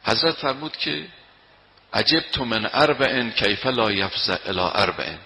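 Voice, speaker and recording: A man preaching a sermon, telling a story and reciting verses slowly, moving between loud declaiming and quiet narration. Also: mid-range voice, animated, vocal fry, slight background noise. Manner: chants quoted Arabic verses slowly. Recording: long hall reverb.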